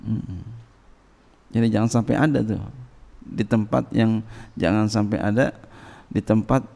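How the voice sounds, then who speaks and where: Slow gravelly religious teacher. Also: male voice, lowish voice, steady tone, warm tone. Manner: reads Arabic phrases then translates them slowly, with casual Jakarta slang asides. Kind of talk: Islamic study sermon reading a classical text.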